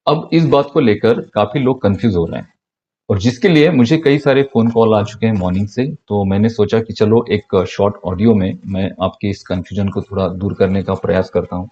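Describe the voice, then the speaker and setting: A man's voice: fairly low pitch, a little fast, mellow, highs cut off. A man patiently explaining a payment procedure step by step in a short instructional audio. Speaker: online business mentor.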